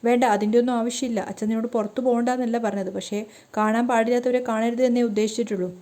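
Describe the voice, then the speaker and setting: A woman's voice: fairly high pitch, steady tone, very fast, warm tone, natural voice. Woman reading a wary old father. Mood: calm. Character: cautious older father, gentle but wary.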